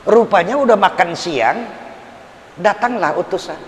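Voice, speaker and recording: Older preacher in an echoing mosque hall. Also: male voice, expressive, measured pace. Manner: storytelling, swinging from loud outbursts to low asides. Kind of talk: mosque study-circle sermon. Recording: hiss, long reverb in a hall.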